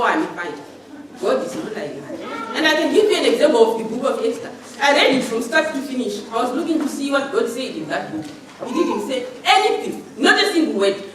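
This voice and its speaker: A woman preaching a sermon in a church hall, animated and laughing often as she talks. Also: sits high, slight background noise. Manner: animated, laughing often, acting out shouted commands. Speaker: lay preacher. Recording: echoey church hall, mic far off, congregation audible.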